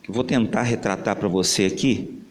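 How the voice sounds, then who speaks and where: A man's voice: lowish voice, brisk. A man preaching a sermon as pastor, telling a story with dramatic acted-out family dialogue. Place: church hall. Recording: church hall with long reverb, faint noise.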